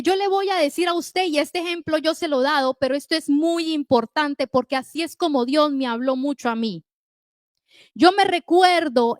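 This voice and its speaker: A woman's voice: sits high, dry recording, studio quality. A middle-aged woman preaching a sermon, emphatic and storytelling as she speaks straight to her listeners.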